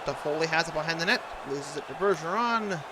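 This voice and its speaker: Man putting on a high-pitched hockey announcer. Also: expressive, fast, background noise, close to an everyday voice. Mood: focused. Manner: clipped present-tense calls, announcer impression. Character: earnest male TV hockey play-by-play announcer. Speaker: play-by-play announcer. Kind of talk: hockey video game commentary.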